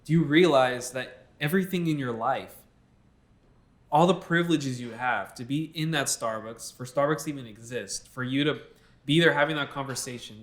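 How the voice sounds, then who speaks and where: Young male co-host, mid-pitch, opinionated and ranting, filler-heavy casual chat. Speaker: podcast co-host.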